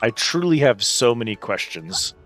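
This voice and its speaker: A man's voice: medium pitch, big pitch swings, normal speed, a bit bright. A man chatting casually as he hosts a live game stream, with playful, exclamatory greetings to his viewers. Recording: music behind the voice.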